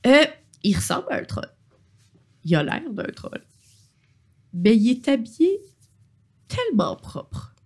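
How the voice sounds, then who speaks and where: A woman's voice: fairly high pitch, big pitch swings, measured pace, pauses often. A woman narrating as game master, chatty, with frequent filler sounds.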